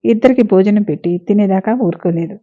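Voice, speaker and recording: A woman storyteller narrating a serialized romance story in a steady reading voice. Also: mid-range voice, fast. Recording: narrow phone-like lo-fi sound.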